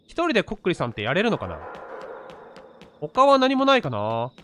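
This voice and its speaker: Man, casual horror game commentary, self-talk, high bright voice, lively intonation. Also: brisk, slight background noise. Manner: talks to himself, narrating each step. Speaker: gamer playing a horror game. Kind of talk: casual game commentary, reading on-screen text aloud.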